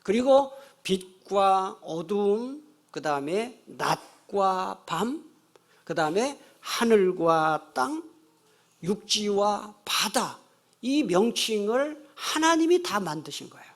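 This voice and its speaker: A man's voice: high voice, big pitch swings, takes it slowly. A man, the pastor, giving a sermon and telling a funny story while asking the congregation questions. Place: church sanctuary.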